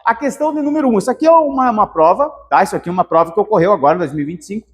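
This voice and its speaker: A high-voiced man leads an exam-prep grammar lesson. He is lively and animated and talks straight to his students. The recording has a long reverb. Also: racing. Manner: lively, animated, calls viewers "meu querido". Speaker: teacher.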